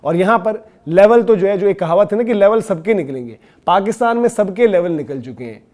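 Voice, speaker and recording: A man's voice: high-pitched, lively intonation, a little fast, darkish tone. A man giving scornful, indignant opinion commentary on cricket, hammering his points with repetition.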